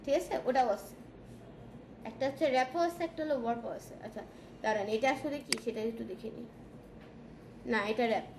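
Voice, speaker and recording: Female tutor with a Bangladeshi Bengali accent, high pitch, quizzes the class as she goes; roomy recording with audible noise. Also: fairly quick, pauses often. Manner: checks in often with questions to students. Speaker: design tutor. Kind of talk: classroom software lesson. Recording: echoey room with background noise.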